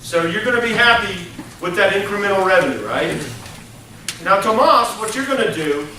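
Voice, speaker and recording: Lively intonation and a high, bright, pushed voice mark this man as he speaks at normal speed. He's leading an interactive college hospitality lecture, animatedly role-playing business deals with his students. The classroom sounds echoey and distant, with a little hiss or hum.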